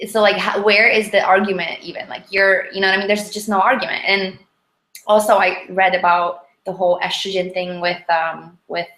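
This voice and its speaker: A woman with a Polish accent chatting casually and informally, in an animated, rambling way, as an interview guest. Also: on the low side. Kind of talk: casual chat about diet. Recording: echoey, roomy sound.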